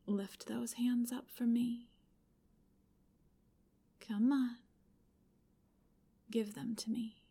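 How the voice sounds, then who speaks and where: A woman's voice: on the high side, flat delivery, measured pace, creaky, few pauses, warm tone, breathy edge. A woman in a whispered ASMR roleplay, speaking in an intimate, commanding whisper.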